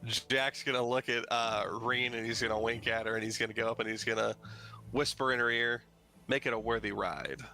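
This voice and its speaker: A man's voice: mid-range voice, flat delivery, fairly quick, sharp tone, soft background music. A man playing a tabletop game, describing his character in the third person and then quoting his lines. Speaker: player. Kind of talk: narrating his character's actions.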